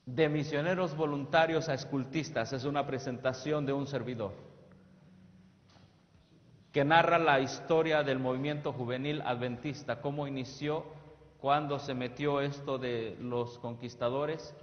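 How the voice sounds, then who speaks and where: A man's voice: medium pitch, steady tone, unhurried. A man giving a sermon-style presentation on youth ministry, emphatic and asking the audience questions that they answer. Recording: reverberant hall, dull lo-fi sound.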